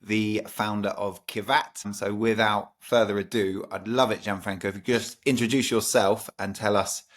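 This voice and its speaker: A man's voice: lowish voice, fairly even intonation, moderate pace, few pauses. A man hosting a podcast, asking long, enthusiastic questions full of restarts and repeated words. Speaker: podcast host. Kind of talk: podcast interview.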